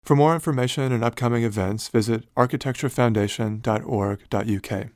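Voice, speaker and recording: A man hosting an architecture podcast, reading a scripted introduction in a measured presenter's delivery and then asking his guests questions. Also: mid-range voice. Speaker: podcast host.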